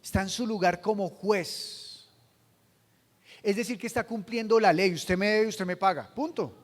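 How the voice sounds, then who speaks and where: A man preaching a sermon as pastor, asking the congregation questions and swinging from hushed to loud. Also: high voice, unhurried, long reverb tail. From Colombia.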